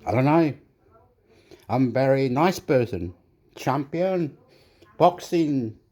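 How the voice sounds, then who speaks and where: Chilean-accented man, home cooking vlog, mellow voice, rambling, mixes in Spanish. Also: mid-range voice, animated, slow. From southern Chile. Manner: rambling, switches between English and Spanish. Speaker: cooking vlogger. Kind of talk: casual cooking vlog with pep talk. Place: home kitchen.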